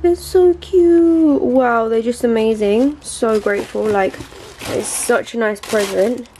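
Groggy from just waking up, a young adult woman vlogger gushes casually, saying "literally" and "wow" a lot. Her voice sits on the high side with a darkish tone, and there's a little hiss or hum.

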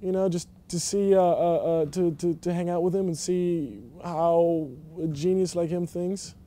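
Hesitant young man with a mellow voice. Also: high voice, steady tone, unhurried. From Germany. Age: young adult. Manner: hesitant, many fillers and restarts. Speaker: college basketball player. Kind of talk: casual interview answers. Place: empty indoor basketball arena.

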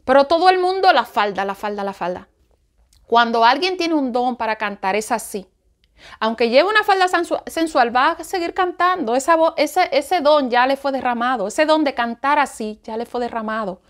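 A woman giving an informal Bible study talk, animated and repeating phrases for emphasis. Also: high voice, normal speed.

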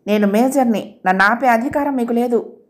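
A woman's voice: a little high, moderate pace, lightly acted. A woman voicing a defiant, proud young woman in a spoken audio novel, mocking and stubborn.

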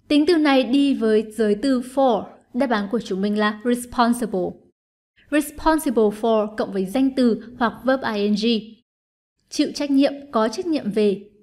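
A woman teacher giving an online lesson, explaining patiently and clearly, step by step, to her students. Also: on the high side, darkish tone. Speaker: English teacher.

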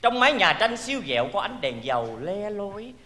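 A high, bright Southern Vietnamese man playing up a stage comedy sketch, all exclamations and teasing. His voice rings out in a large theater hall with a long reverb and a faint hiss underneath. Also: very animated, fairly quick.

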